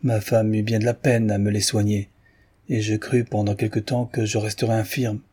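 A man reading the part of a gruff, dying old peasant confessing a crime he witnessed, in an audiobook. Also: fairly low pitch, little pitch movement, normal speed, warm tone.

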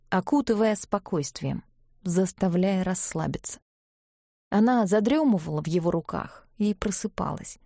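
A woman narrates an audiobook in a calm, measured way. Her voice is warm and mellow, with an even middle pitch, recorded close and dry with no room sound. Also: dry recording.

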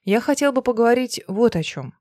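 A woman reading the lines of a gruff middle-aged male clinic doctor who barks orders at his staff. She keeps it close to her own voice. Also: on the high side, animated, fairly quick, darkish tone, dry recording, voice pushed up, lightly acted. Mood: dry.

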